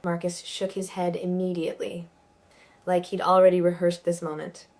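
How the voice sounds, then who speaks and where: Low-voiced woman narrating a story. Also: completely flat delivery, normal speed, darkish tone. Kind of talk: first-person story narration.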